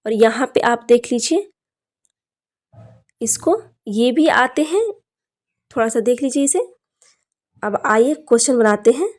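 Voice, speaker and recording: Young woman teacher, slow careful exam prep lesson, keeps saying look closely, kinda high voice. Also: darkish tone. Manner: slow, deliberate, repeats "dekhiye" often.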